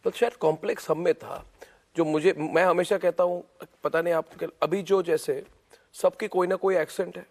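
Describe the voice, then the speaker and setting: A man's voice: high-pitched, fairly even intonation, moderate pace, a little mellow. A man from Assam interviewing a guest, asking thoughtful, probing questions and switching into English phrases. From Assam, India. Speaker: interviewer, host. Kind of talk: conversational interview.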